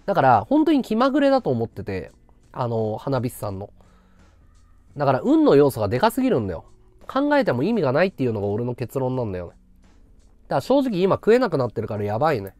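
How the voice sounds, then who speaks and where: Male streamer, rambling casual monologue, lively intonation, dry close sound. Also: mid-range voice, fast, dry recording. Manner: rambling, muttering to himself while calculating. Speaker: live streamer. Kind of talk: casual livestream chat.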